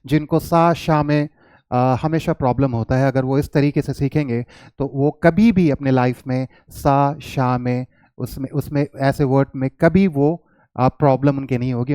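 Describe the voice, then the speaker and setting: A man teaching English pronunciation, explaining patiently in Hindi mixed with English and slowing right down to demonstrate tongue twisters. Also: mid-range voice, a little mellow, no echo. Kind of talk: spoken lesson mixing Hindi and English.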